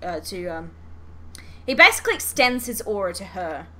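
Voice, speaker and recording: A woman hosts a podcast, chatting casually and expressively about a show she is reviewing as a fan, with some swearing. Her medium-pitched voice is sing-song, pushed and bright, at a moderate pace.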